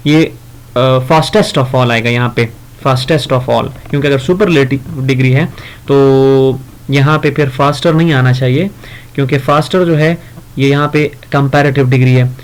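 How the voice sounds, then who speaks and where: A man teaching a grammar lesson in Hindi. He reads example sentences slowly and explains them casually, with fillers and self-corrections. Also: mid-range voice.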